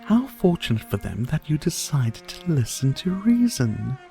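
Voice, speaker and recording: A man's voice: a little high, sing-song, measured pace, vocal fry, mellow, faint music behind, exaggerated voice. A man playing a sadistic, courtly vampire lord in an ASMR roleplay, speaking in a silky, formal, teasing and theatrical manner. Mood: smooth, menacing. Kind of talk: ASMR roleplay, dramatic monologue to listener.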